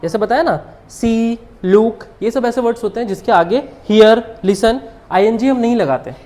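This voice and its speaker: A man's voice: very high voice, unhurried, darkish tone. A man teaching English grammar to a live class. He keeps quizzing his students, mixes Hindi with English, and chuckles often.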